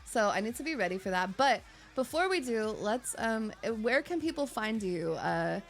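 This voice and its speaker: A woman's voice: a little high, animated, normal speed, soft background music. A young woman hosting a live stream, chatting casually and swearing now and then. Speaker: streamer host.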